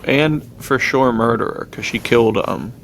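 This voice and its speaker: This podcast co-host has a gravelly, mid-range voice at a moderate pace, heard in a rough recording with slight background noise. He chats about movies in relaxed slang, retells plots casually, and laughs readily.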